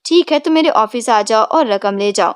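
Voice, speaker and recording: A man's voice: high-pitched, animated, dry recording, studio quality. Woman voicing a flustered rich old father. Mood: gruff. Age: older. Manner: startled and gruff, then quickly cowed. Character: blustering rich older father, easily flustered.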